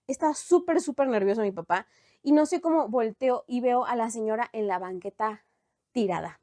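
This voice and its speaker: Animated young Mexican woman telling gossip. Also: on the high side, brisk, dry recording. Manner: lively, slangy, animated storytelling. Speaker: storytime vlogger. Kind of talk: casual storytime chat.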